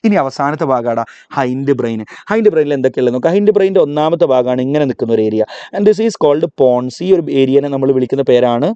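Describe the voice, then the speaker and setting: A man teaching a live online biology revision class with a Malayali accent, calling on students to repeat terms aloud and spelling key words out slowly. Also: medium pitch, animated, mellow, smooth, dry recording, dull audio.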